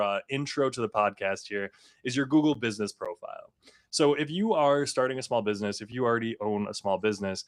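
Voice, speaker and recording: A man hosting a casual marketing podcast, joking and emphatic as he talks. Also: mid-range voice. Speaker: podcast host.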